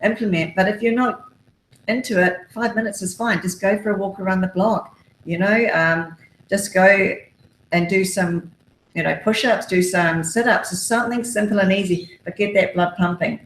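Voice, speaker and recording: A woman's voice: medium pitch, steady tone, normal speed, slight background noise. A woman, an author giving upbeat, encouraging self-help advice with many fillers. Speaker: author and guest. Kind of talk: motivational self-help talk. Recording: roomy echo.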